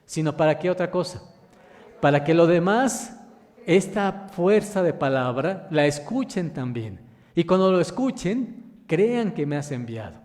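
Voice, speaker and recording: A man minister delivers a sermon in a church, his voice ringing with a long reverb. His tone is mellow and sits a little high for a man. He reads scripture, then turns to ask the congregation questions, calling them brothers. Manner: addresses listeners as brothers.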